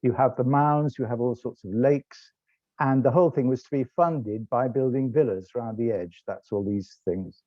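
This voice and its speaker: A middle-aged man with a British accent gives an online slide lecture in a conversational way, often breaking off to correct himself. His pitch sits in an ordinary middle range. The sound is dry and dull, like a computer microphone. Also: normal speed, dry recording. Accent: British English. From England. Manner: rambling, self-correcting, conversational. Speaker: lecturer and tour guide.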